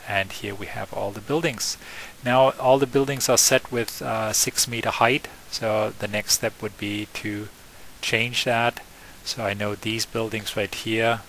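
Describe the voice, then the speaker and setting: A man giving an unscripted, step-by-step software tutorial, often pausing with fillers and correcting himself. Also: on the low side, creaky, slight background noise, poor audio. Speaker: software trainer. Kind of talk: screen-recorded software tutorial.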